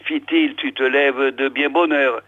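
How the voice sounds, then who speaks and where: A man voicing a kindly, hardworking village potter speaking in a brisk, homely way. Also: medium pitch, steady tone, no room sound, close to an everyday voice. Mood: plain. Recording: tinny phone-like old recording.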